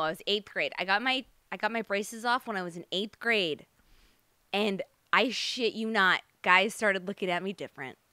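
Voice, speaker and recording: A bright, clear American woman chats as a podcast host in a close, dry recording. She is brash and jokey, swears freely, and has a slight retainer lisp that slurs her words. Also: a little high, no echo. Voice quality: slightly lisping, slurred speech from wearing dental retainers. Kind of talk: casual chatty solo podcast.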